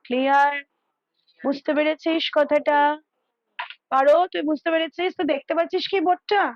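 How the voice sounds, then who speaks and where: A woman's voice: high-pitched, fairly quick, highs cut off. A woman tutoring math over a call on headphones at home, explaining step by step and checking whether her student understands.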